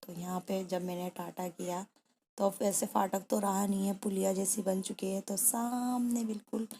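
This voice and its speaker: A young woman narrating her own vlog in a soft, quiet, subdued voice, grieving and tearful at times. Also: medium pitch, level tone, moderate pace, a little hiss or hum. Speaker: vlogger. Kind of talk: personal vlog voice-over.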